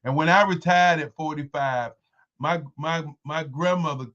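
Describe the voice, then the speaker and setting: Insistent older man, high voice. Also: normal speed, a bit bright, muffled recording. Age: 60s. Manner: emphatic and repetitive, insistent. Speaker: guest. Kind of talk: casual interview chat.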